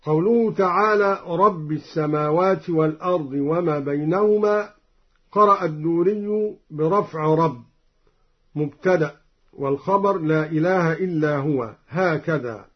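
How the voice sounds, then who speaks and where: A man teaching the readings of sacred verses, explaining each point in a measured voice and then chanting the verse melodically. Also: a little high, slightly rough. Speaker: Quran recitation teacher. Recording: dull lo-fi recording.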